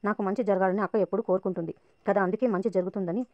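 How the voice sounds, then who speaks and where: A woman's voice: medium pitch, fairly even intonation, very fast, dry recording, dull audio, lightly acted. A woman narrator reading the lines of a naive, pushy young woman. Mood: impatient. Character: naive pushy young woman chasing her sister's husband.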